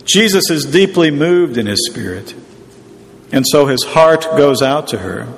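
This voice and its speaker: A man preaching a sermon in a measured, explanatory teaching tone. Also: a little high, expressive, vocal fry, long reverb tail, a little hiss or hum.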